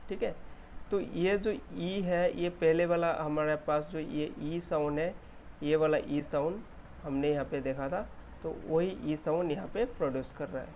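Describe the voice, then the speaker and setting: Slow, patient man teaching vowels. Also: a little high, darkish tone, a little hiss or hum. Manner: repeats words slowly, stretching the vowels. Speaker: English pronunciation teacher. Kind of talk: slow classroom explanation with drawn-out example words.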